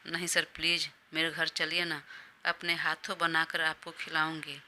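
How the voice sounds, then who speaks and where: A woman's voice: low voice, little pitch movement, measured pace, pushed and bright, a little hiss or hum, exaggerated voice. A woman doing a coaxing female assistant. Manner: pleading, coaxing.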